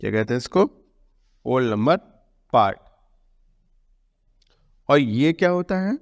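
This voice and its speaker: A man's voice: mid-range voice, animated, slow, highs cut off. A male math teacher explaining a lesson, often asking a question and then answering it himself. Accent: Indian English. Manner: repeats key terms, asks and answers own questions; mixes English terms into Hindi explanation. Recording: long reverb.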